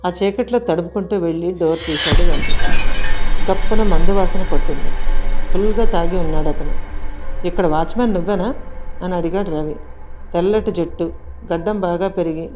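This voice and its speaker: A woman narrating a haunted house audio story in an expressive, dramatic storytelling manner. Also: lowish voice, normal speed, pauses often, lo-fi sound, music in the background.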